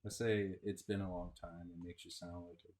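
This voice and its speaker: Give me a very deep-voiced man chatting over a game. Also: little pitch movement, brisk, a little mellow. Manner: laid-back, swearing and teasing. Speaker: co-host, spouse of the host. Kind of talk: casual gameplay chat.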